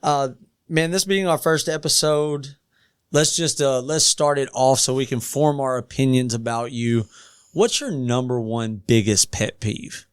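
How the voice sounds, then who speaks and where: A man with a Southern US country accent hosting a casual podcast interview, jokey and quick to laugh. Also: mid-range voice, clear, resonant tone, no room sound, studio quality. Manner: jokey, laughs easily, loose and friendly. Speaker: podcast host.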